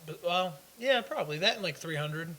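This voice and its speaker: A man's voice: high voice, lively intonation, fairly quick, sharp tone, low-quality recording. A young man co-hosting a casual fan talk show, rambling through his opinions with restarts. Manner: rambling, hesitant with fillers and restarts. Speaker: co-host. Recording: faint hiss.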